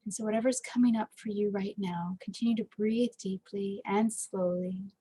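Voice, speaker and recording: A woman leading a guided meditation in a gentle, unhurried way, with frequent fillers and pauses. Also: medium pitch, fairly even intonation, husky, rough recording.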